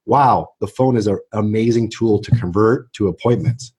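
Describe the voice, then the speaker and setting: A middle-aged man, a real estate agent, talking casually as an interview guest, animated and full of quick restarts. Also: lowish voice, husky. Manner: animated storyteller, many restarts and "right?" tags.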